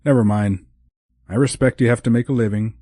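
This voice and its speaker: A man's voice: medium pitch, fairly even intonation, a little fast, mellow, no echo, voice pushed up, lightly acted. A man voicing a skeptical, literal-minded young man in an audiobook, with a dry, doubtful manner. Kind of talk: audiobook character voice.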